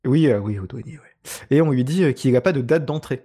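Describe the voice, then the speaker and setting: A man's voice: mid-range voice, brisk, warm tone, slightly rough. A man co-hosting, retelling things in a casual, comic, colloquial way with wry hesitations. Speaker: co-host of a film discussion.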